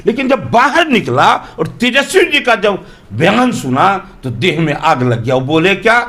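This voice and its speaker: High-voiced, animated politician. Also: male voice, moderate pace. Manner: emphatic, argumentative, rhetorical questions. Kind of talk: interview answers.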